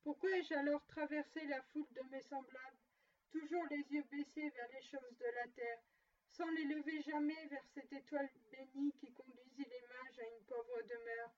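A woman voicing a tormented male ghost in chains, speaking in a slow, solemn, declaiming way. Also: sits high, steady tone, a little mellow, close to an everyday voice. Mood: mournful. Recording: muffled and distant.

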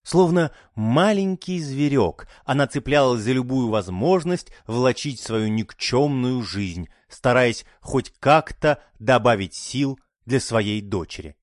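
A man narrating an audiobook in an expressive, dramatic reading style. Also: medium pitch, slow, hardly any pauses, no room sound, studio quality.

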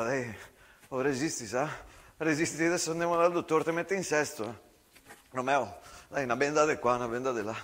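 A man's voice: a little high, a bit bright. Tonon, a man doing a desperate Venetian soldier. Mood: pleading. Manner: pleading, rambling, stammering reassurances. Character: young male soldier, rough, devoted, desperate friend. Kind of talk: stage monologue.

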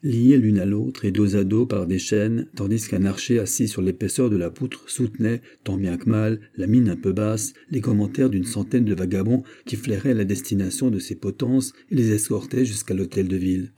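A man reading a classic novel aloud as an audiobook narrator, in a measured storytelling manner. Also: fairly low pitch, warm tone. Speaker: audiobook reader.

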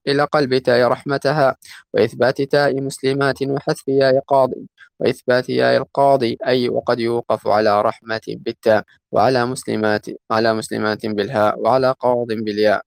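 A man reciting a classical grammar text in a lesson at a brisk, rushing pace, his voice gravelly with fry. He slows to chant the quoted verses. The sound is close and dry, with no room echo. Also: medium pitch, little pitch movement. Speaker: student reading a grammar text aloud.

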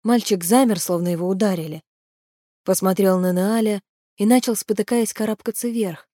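A woman's voice: mid-range voice, moderate pace, warm tone, no room sound. Woman reading an audiobook, dry sound. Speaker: audiobook narrator. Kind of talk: scripted narration.

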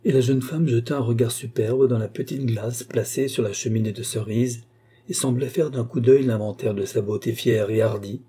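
Dark, husky male audiobook narrator. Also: mid-range voice, normal speed. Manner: steady storytelling. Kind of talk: scripted narration.

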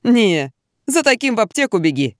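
A friendly, down-to-earth barmaid, voiced by a woman reading aloud, who talks plainly and pities the customer. The pitch moves around a lot, and the sound is dry and close. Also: sing-song, normal speed, dry recording. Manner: plain-spoken, pitying. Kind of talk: audiobook reading.

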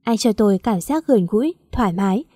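A young woman, calmly narrating a first-person story as an audiobook reader. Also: medium pitch, fairly quick, husky, no echo, studio quality.

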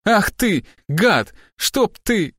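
A hysterical young woman with a coarse, rough voice, as a male narrator puts her on, lifted far above his own register. She speaks in shrill, venomous, tearful bursts, loud and spiteful. Heard on a close, dry audiobook recording. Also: very animated, very slow, no room sound, full character voice. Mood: shrieking. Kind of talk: audiobook character reading.

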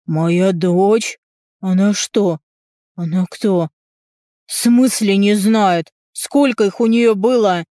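A gruff, hot-tempered middle-aged father who blusters loudly and drags his words out slowly, as a woman narrator puts him on. His voice sits a bit higher and rougher than the reader's own, set in a dry, close audiobook sound. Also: no echo. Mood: furious.

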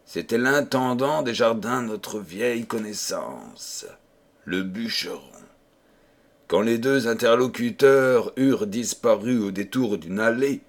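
A man reading a fairy tale aloud as an audiobook narrator in a measured storytelling manner. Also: medium pitch, expressive. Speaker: audiobook reader. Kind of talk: scripted narration.

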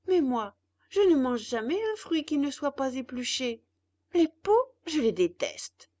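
Woman doing Pinocchio, a high whiny puppet boy. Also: sing-song, a little slow, mellow, exaggerated voice. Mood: fussy. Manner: whining and demanding, fussy. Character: whiny hungry boy puppet, bratty and fussy. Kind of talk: storybook reading.

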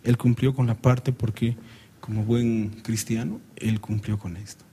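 A man's voice: medium pitch, level tone, unhurried, dark tone, husky. A man in a casual discussion, explaining a passage and asking rhetorical questions. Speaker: panelist.

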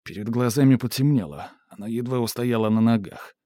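A man narrating a novel in even, measured audiobook style. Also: medium pitch, no room sound, clean studio sound.

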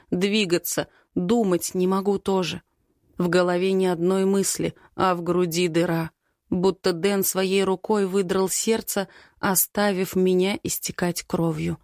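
A woman narrating a first-person story as an expressive, dramatic audiobook reading. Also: lowish voice, no room sound, studio quality.

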